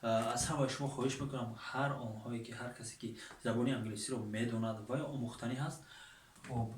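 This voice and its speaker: A man with a Tajik accent teaching English online, giving plain, patient explanations with many fillers. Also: medium pitch. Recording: echoey room from far off.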